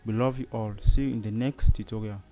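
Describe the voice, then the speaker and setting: A man with a Cameroonian accent narrates a step-by-step screen tutorial, often posing a short question and then answering it himself. His voice sits on the low side and sounds warm, with fairly even intonation and a fairly quick pace. Faint music plays behind him.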